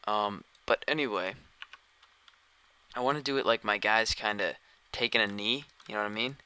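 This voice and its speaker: A tired man streams a game, thinking aloud and chatting casually as he plays. His voice sits on the low side, pushed and bright, clear and resonant, at a moderate pace.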